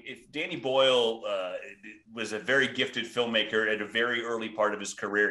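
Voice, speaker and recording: A man's voice: mid-range voice, sharp tone. A man in his forties, a guest on a casual podcast chat, rambling enthusiastically with frequent restarts and self-deprecating asides. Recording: roomy echo.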